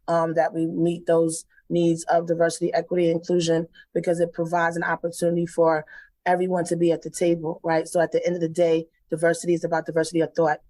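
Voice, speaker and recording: A woman's voice: fairly low pitch, completely flat delivery, fast, dark tone, dry recording. A woman who directs career services at a college, speaking enthusiastically in a live interview. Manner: upbeat, enthusiastic.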